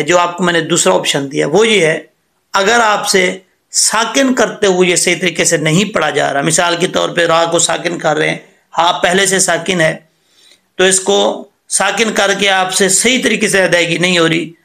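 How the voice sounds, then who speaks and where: A middle-aged man teaching Quran recitation, patiently explaining tajweed pronunciation step by step and often pausing to check in with his listeners. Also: high-pitched, creaky, sharp tone. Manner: repeats and corrects points as he goes.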